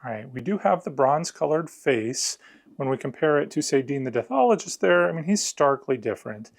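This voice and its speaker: Gravelly-voiced man giving a casual review. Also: medium pitch, expressive, fairly quick. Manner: conversational, explanatory. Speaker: product reviewer. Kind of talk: casual hands-on unboxing and review narration.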